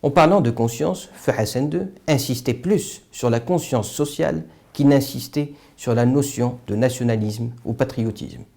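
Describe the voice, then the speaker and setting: With a medium pitch, moderate pace, vocal fry and few pauses, this mellow-voiced Moroccan commentator and video host reads a scripted political monologue. The delivery is formal, literary and rhetorical.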